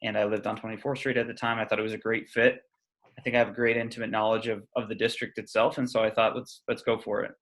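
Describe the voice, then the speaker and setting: A man's voice: lowish voice, flat delivery, fast talker, a bit bright, low-quality recording. A man in his thirties, a candidate speaking casually in an interview over a video call, with many ums and restarts. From Puerto Rico, raised in Omaha. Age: 30s. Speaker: legislative candidate.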